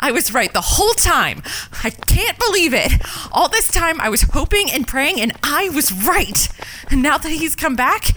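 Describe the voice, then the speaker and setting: A woman's voice: high voice, big pitch swings, normal speed, bright, forceful tone, slight background noise, heavily acted. A woman acting an impulsive, hopeful young woman in an audio drama, urgent, emotional and prone to stammering. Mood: elated relief.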